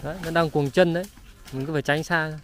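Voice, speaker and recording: A man's voice: on the high side, fairly even intonation, fast. A man hosting a farm video, talking casually to his viewers while showing off horses. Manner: chatty, addresses viewers directly, urges horse loudly. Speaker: channel host showing horses.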